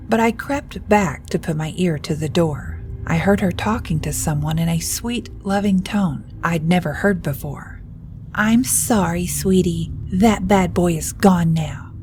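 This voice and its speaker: Woman, horror story narration, lower voice, mellow dark tone, hushed in places. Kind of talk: scripted first-person horror narration.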